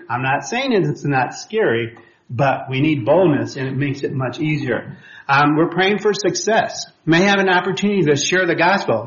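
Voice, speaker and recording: A man teaching a church class on sharing faith, talking conversationally with many fillers and quick apologies when he slips. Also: medium pitch. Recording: roomy, dull lo-fi room recording.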